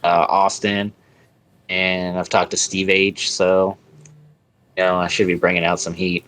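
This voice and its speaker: A man with a fairly low voice chats casually as a guest on a podcast. He speaks informally over a speakerphone call. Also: level tone, a little slow, fairly bright tone. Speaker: podcast guest, glass artist. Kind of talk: casual chat.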